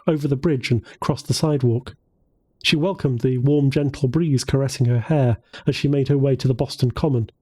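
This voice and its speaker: A man narrating a novel as an audiobook in a steady, even storytelling manner. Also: mid-range voice.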